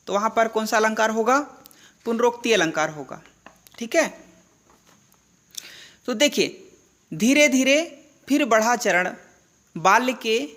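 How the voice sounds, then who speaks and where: A woman's voice: a little high, fairly bright tone. A woman teaching a grammar lesson, asking questions and answering them herself, checking in with the class again and again. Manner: checks in often with "thik hai" and "hai na".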